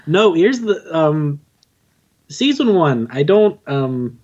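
In a casual podcast interview, a man who writes and narrates audio drama talks about his own work in a self-deprecating way. His voice is fairly high and darkish, swinging widely in pitch as he draws out his words. The audio is dull.

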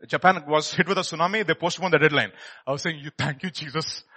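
A male preacher with an Indian accent delivers a sermon in a fairly high, forceful, bright voice. He is emphatic and dramatic, repeating words for weight and throwing rhetorical questions at his listeners as he mixes testimony with teaching. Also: quick pace, breathy edge. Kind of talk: animated sermon with personal testimony.

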